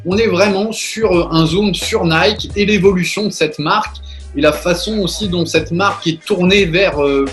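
A man hosts a relaxed talk show from a video call, his voice sitting a bit high. He fills his sentences with pauses and false starts as he gathers his thoughts. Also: faint music behind. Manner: hesitant, many fillers and restarts. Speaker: radio show host. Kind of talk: casual chat over video call.

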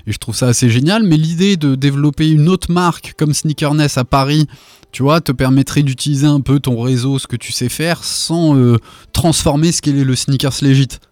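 A man's voice: on the high side, moderate pace, no echo. Conversational male radio host. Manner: relaxed, conversational interviewer. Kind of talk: radio talk show chat.

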